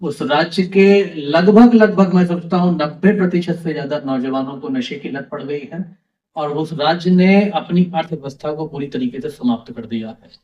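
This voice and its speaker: A man giving an emphatic public speech, pausing and restarting as he talks. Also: fairly high pitch, a little mellow, far from the mic, dull audio. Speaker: public speaker.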